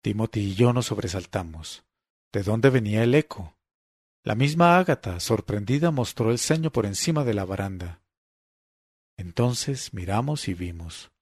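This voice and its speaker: A man reading a literary story aloud in a measured, deliberate way. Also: lowish voice, lively intonation, darkish tone, breathy edge, dry recording, clean studio sound. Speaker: narrator. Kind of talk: literary audiobook narration.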